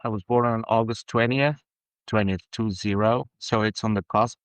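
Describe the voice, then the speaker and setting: A man from Argentina, a perfumer, talking as a guest in a casual interview, halting with many restarts and growing animated when excited. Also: fairly low pitch, clean tone, dry recording, poor audio.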